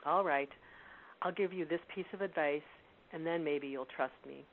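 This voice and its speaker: A woman's voice: low voice, moderate pace. A woman voicing an elderly male Welsh wizard in a storybook reading, knowing and confiding, over a tinny phone line with hiss.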